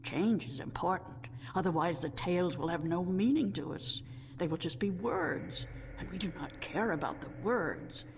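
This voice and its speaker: A woman playing a sweet, gentle old female storyteller of a non-human tribe in a video game, speaking in a measured way. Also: lowish voice, animated. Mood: kindly, measured. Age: older. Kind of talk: scripted video game dialogue. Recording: echoing hall reverb, clear background noise.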